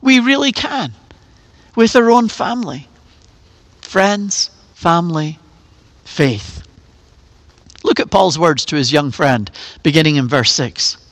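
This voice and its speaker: A middle-aged man delivers a sermon in a high, earnest voice. He leans on rhetorical questions as he addresses his congregation. The sound is dry and close, with no room around it. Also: lively intonation, takes it slowly, long pauses, fairly bright tone, no echo. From Northern Ireland. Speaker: pastor.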